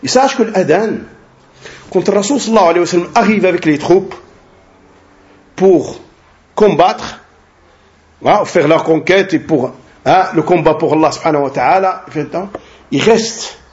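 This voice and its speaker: A man with a somewhat high voice delivers a religious lesson, speaking slowly and deliberately and checking in with short tag questions. The recording sounds dull and lo-fi. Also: a little mellow. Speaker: religious lecturer translating a sheikh's talk.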